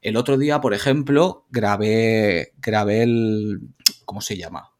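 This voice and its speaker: A man with a Spain Spanish accent co-hosting a podcast in casual chat, telling rambling, animated stories with plenty of swearing over a video call. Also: lowish voice, a little slow. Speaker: podcast co-host.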